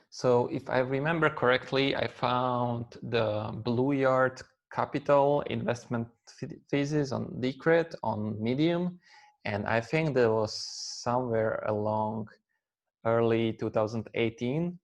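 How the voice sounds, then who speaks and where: In a conversational interview, a guest from Slovakia in his thirties talks in English, stopping and restarting with many fillers. His voice is mid-range, and the highs are cut off in the recording.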